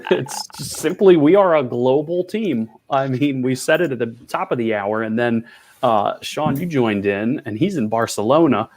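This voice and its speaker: A man's voice: medium pitch, animated, normal speed, darkish tone. A man hosting a livestream over a video call, upbeat and laughing often as he chats. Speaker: host. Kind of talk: casual livestream chat.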